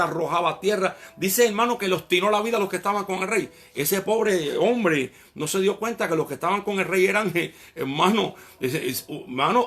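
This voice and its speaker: Animated man preaching, often says brother. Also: on the high side. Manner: animated preaching, often calls the listener "hermano". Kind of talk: sermon.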